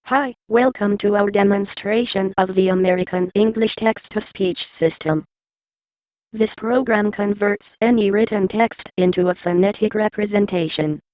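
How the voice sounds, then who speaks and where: A man's voice: high voice, normal speed, dry recording. A synthesized male voice announcing a demo stiffly and politely, on dull lo-fi audio. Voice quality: synthetic, robotic.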